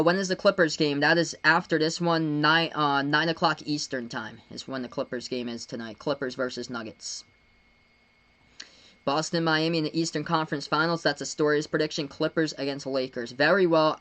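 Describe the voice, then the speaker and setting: A young man from Massachusetts streaming live basketball play-by-play. He speeds into excited calls of the action between relaxed chats with viewers. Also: mid-range voice. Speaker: live-stream sports commentator. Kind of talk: live play-by-play with chat shout-outs.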